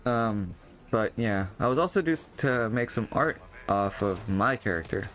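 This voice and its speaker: A young man vlogs over gameplay in a casual, rambling monologue full of fillers and restarts, saying his voice feels strained. His voice is lowish and a bit bright, expressive, at a moderate pace.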